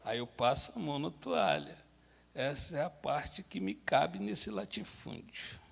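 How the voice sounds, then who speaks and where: A man's voice: on the high side, animated, a little slow, gravelly, husky. A man teaching a couples workshop at church, telling humorous, self-deprecating stories. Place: church hall. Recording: reverberant church hall.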